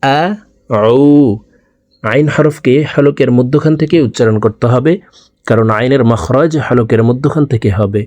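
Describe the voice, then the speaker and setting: A man with a Bangladeshi Bengali accent teaching Quran recitation word by word, drawing out the recited words and then explaining the rules more briskly. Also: medium pitch, darkish tone, dry recording. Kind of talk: slow recitation lesson.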